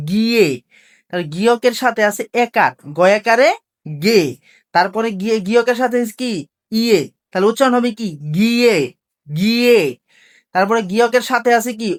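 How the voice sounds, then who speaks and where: Patient woman teaching step by step. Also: fairly high pitch. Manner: patient, asks questions and repeats the answers. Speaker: language teacher. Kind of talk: step-by-step classroom lesson.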